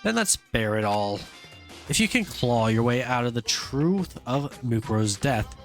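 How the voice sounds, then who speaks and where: A man's voice: mid-range voice, big pitch swings, a little slow. Man reading game dialogue aloud, music behind. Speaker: let's player doing commentary and reading game dialogue. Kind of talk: game playthrough reading with casual commentary. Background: game music and short character voice clips.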